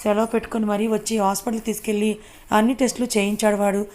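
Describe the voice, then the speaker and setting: Woman narrating in a flat, even voice. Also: mid-range voice, fast talker. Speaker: audiobook narrator. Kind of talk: first-person story narration.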